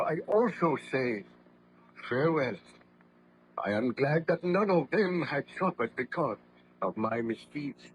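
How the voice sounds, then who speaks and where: Casting: tormented baron-scientist, higher-pitched, solemn and melodramatic, old radio play with noisy sound. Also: male voice. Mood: solemn, resigned. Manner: formal, declamatory, solemn. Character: weak, anguished, guilt-ridden baron-scientist, doomed and melodramatic. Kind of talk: old-time radio drama acting. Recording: noisy vintage radio drama recording.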